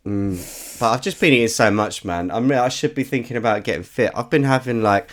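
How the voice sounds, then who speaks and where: A man co-hosting a podcast, chatting casually and telling stories animatedly, getting loud when excited. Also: mid-range voice, brisk. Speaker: podcast co-host. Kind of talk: casual chat.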